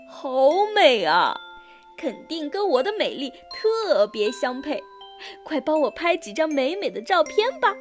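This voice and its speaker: A woman voicing a vain, proud little flower fairy girl in a children's audio story, talking in a haughty, showy way. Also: high-pitched.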